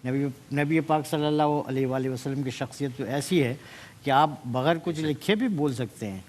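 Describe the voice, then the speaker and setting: A man's voice: medium pitch, a little mellow. A man, a senior judge, reflectively explaining word meanings to students and slipping into English phrases. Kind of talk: giving feedback to students. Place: TV studio.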